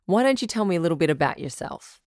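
A woman playing the smooth, reassuring host of a radio call-in advice show. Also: fairly low pitch, very animated, fast, a little mellow, no echo, studio quality. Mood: calm, welcoming. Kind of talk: scripted radio call-in drama.

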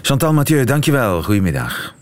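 A man presenting a radio show in a brisk, upbeat announcing style. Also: mid-range voice, big pitch swings, very noisy. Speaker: radio host. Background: music.

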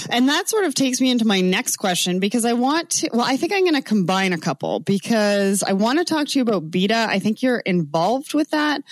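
A woman's voice: medium pitch, no room sound. A woman with a Canadian accent, interviewing a guest in a chatty way. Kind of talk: casual interview.

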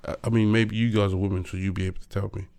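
A man co-hosting a casual chat, animated, laughing often, pressing his points with a preacher's emphasis. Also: lowish voice, rapid-fire.

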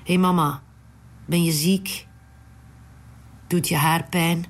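A narrator voicing a kind old man on a street corner in a whispered storytelling style, gently coaxing. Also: mid-range voice, steady tone, takes it slowly. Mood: caring.

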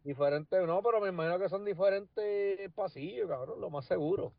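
Puerto rican dude cohosting, swears a lot, a bit high voice, kinda muffled. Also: male voice, moderate pace, vocal fry, no echo. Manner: slangy, swears often, keeps saying cabrón. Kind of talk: casual gossip chat.

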